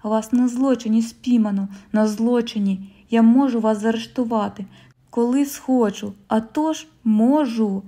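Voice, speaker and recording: A woman's voice: a little high, unhurried, warm tone. A woman voicing a mocking, hot-tempered young husband who speaks in a sneering, scornful way.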